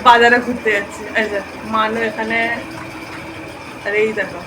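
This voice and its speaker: Brief: woman vlogger, high voice, chatty and friendly with viewers, noisy home recording. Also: fairly even intonation, normal speed. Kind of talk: casual home vlog chat.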